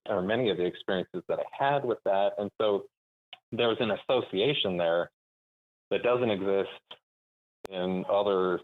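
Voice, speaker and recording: Man talking over a clipped phone line. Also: deep voice. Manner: thoughtful, halting, searching for words. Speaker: caller. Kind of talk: call-in conversation. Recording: narrow tinny phone line.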